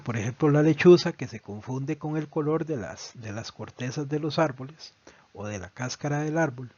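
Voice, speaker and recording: A man's voice: medium pitch, a little mellow, slightly rough. A man teaching a biology lesson, explaining patiently and often checking in with the listener. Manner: patient, explanatory, often asks a tag question. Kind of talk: recorded online lesson. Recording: dull lo-fi, dry voice recording.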